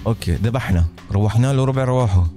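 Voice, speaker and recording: Male gamer, warm dark tone, quick talker, chatty, faint music behind. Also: mid-range voice. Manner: chatty, laughs often, repeats words. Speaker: guest gaming YouTuber. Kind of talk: excited gameplay commentary.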